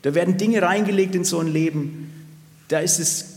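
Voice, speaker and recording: A man delivers a sermon earnestly, circling back to repeat his key phrases. His voice sits high for a man. It rings out with a long reverb, as in a church hall. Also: moderate pace, a little mellow. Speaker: preacher.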